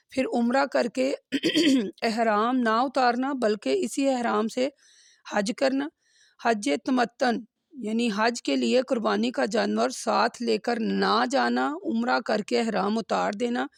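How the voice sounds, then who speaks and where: Gravelly-voiced woman teaching a Quran lesson. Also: a little high, no room sound, studio quality. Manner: earnest, questioning, frequent "hmm?" checks. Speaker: religious teacher.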